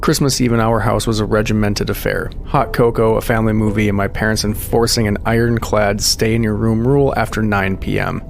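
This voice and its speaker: A man reading a scripted horror story in a measured, suspenseful storytelling manner. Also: fairly low pitch, level tone, vocal fry, slight background noise. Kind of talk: scripted scary story narration. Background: music under the voice.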